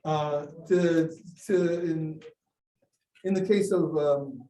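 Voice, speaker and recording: A man's voice: on the high side, steady tone, extremely slow, dark tone, a little hiss or hum. A man giving a talk and answering audience questions, hesitant with many restarts and fillers. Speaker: guest speaker. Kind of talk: academic Q&A talk. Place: lecture room. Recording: echoey room from far off.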